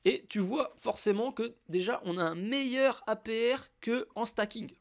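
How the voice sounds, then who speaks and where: A man's voice: extremely high pitch, moderate pace. A man from France walking the viewer through a crypto tutorial in a casual, chatty way, with frequent fillers. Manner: chatty, addresses viewer informally with many fillers. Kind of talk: casual screen-recorded tutorial.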